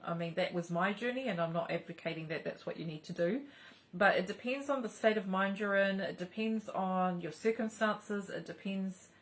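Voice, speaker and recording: A woman's voice: medium pitch, rough recording. A middle-aged woman hosting a spiritual channel, talking casually and rambling with many fillers and restarts.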